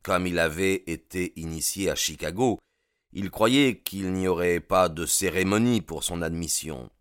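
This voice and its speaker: A man narrating a story with measured, scripted storytelling. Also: deep voice, fairly bright tone, smooth, dry recording, clean studio sound.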